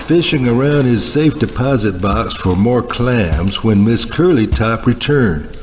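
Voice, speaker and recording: Man playing hardboiled noir parody detective, deadpan, terse, slangy, self-important, mid pitch, music behind. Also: lightly acted. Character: self-important hardboiled male private-eye type, slangy bank manager. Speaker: narrator and lead character. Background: music under the voice.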